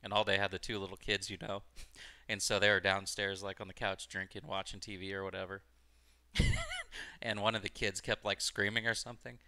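A man's voice: fairly low pitch, flat delivery, fairly quick, sharp tone, smooth. A man in his twenties telling stories in a laid-back casual chat, swearing often. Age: 20s.

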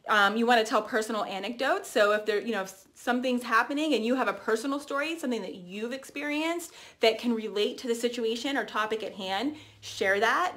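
A woman in her thirties giving a casual, chatty training talk to camera, energetic and full of fillers and restarts. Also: on the high side, fairly quick, hardly any pauses. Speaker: team trainer.

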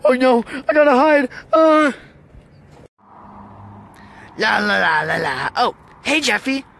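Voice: medium pitch, big pitch swings, slow, creaky, a bit bright, exaggerated voice. A performer voicing a whiny, mischievous kid who frets and panics easily. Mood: panicked. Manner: whiny, fretful. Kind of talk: fan puppet video acting.

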